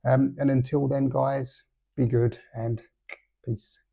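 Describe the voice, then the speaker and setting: A man's voice: mid-range voice, little pitch movement, slow pace, vocal fry, warm tone, slightly rough. A middle-aged man hosting a casual solo football podcast, hesitant with many fillers and dry, understated remarks. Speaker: podcast host.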